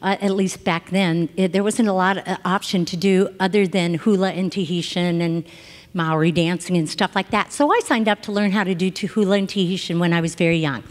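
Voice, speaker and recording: Speaking a little fast in a lowish voice, a middle-aged American woman from Hawaii delivers a conversational Sunday sermon as a reverend. She teaches with animation and keeps checking in with the congregation gathered in a big indoor spiritual center, where the sound echoes through the hall.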